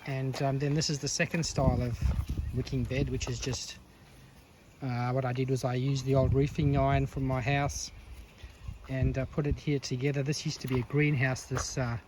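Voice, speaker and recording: A man, casually talking himself through cooking and gardening in a home vlog, relaxed and full of fillers. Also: medium pitch, normal speed, slight background noise. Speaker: vlogger, home gardener and cook. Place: home kitchen and vegetable garden.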